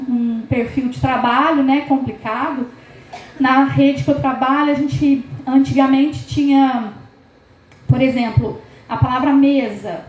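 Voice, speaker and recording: Giving an education lecture to teachers, this Brazilian Portuguese-accented woman speaks high and a little mellow. Rhetorical questions and syllables sounded out punctuate her explanations, and the rough recording is reverberant.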